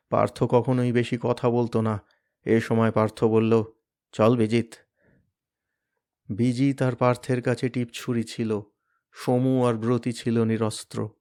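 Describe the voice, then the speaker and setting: Man giving a dramatic novel reading. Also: medium pitch. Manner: expressive, varied, hushed at moments. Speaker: reader of a novel.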